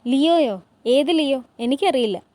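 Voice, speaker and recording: Woman voicing an anxious young concubine, soft, troubled, high voice, dry close sound. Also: lively intonation, moderate pace, dry recording.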